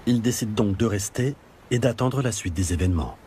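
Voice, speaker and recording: Low-pitched nature documentary narrator, man. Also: fairly quick, mellow, slight background noise.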